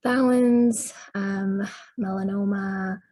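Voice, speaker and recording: Husky-voiced woman resident thinking aloud. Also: mid-range voice, steady tone, slow pace, warm tone. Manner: tentative, thinks aloud with many ums. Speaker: dermatology resident. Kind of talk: answering a case review.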